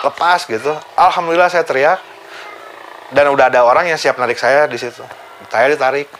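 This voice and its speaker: A man, casually recounting a personal story for his vlog, animated and chuckling now and then. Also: medium pitch, slight background noise. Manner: animated, chuckles while telling, acts out the quoted voices. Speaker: vlogger recounting his accident.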